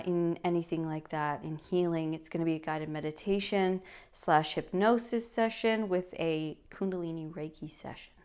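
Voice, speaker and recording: A woman with a fairly low, clean-toned voice hosts her channel, giving a casual, chatty tarot reading to camera. She speaks to her viewers effusively and affectionately.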